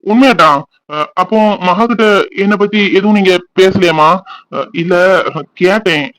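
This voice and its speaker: A man's voice: sits high, moderate pace, fairly bright tone, no room sound, rough recording. A man voicing an anxious young man in love who pesters his mother in a cartoon. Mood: eager. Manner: eager, pleading.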